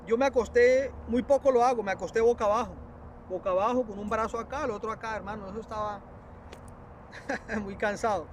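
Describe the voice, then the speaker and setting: A preacher telling a religious testimony in a halting, repetitive way, often addressing his listeners as brothers. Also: high-pitched, fairly even intonation, slight background noise. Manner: earnest, repetitive, halting storytelling with many restarts.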